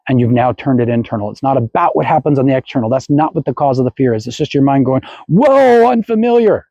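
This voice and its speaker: Gravelly, husky male podcast host. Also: mid-range voice, steady tone, fast talker, mellow, no room sound, highs cut off. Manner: coaching, acts out anxious inner voices. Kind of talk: motivational podcast monologue.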